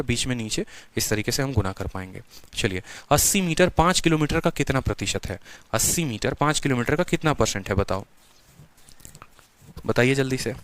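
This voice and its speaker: A man's voice: medium pitch, clear, resonant tone, no room sound. A man teaching an exam-prep maths lecture at a board. He repeats each step and keeps quizzing his students.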